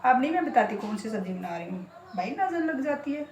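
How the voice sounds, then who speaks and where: A woman's voice: fairly high pitch, big pitch swings, brisk, a little mellow, poor audio. A woman who runs a beauty salon, chatting casually in a vlog and talking straight to her viewers and her pet parrot. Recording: clear background noise.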